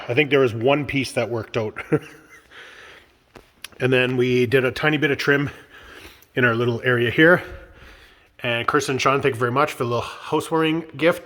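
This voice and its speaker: A man's voice: medium pitch, fairly bright tone. Male vlogger, congested and cheerful, recorded in a roomy space with a long echo. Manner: upbeat and chatty, laughs often. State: stuffed-up nose. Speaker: vlog host. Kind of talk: casual build vlog narration. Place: workshop house under renovation, indoors.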